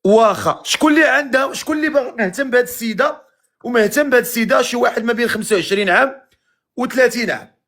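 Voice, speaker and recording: A man with a Moroccan accent hosting a live matchmaking stream, teasing and calling out to viewers in brisk casual chat. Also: very high voice, fairly bright tone. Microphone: live video stream.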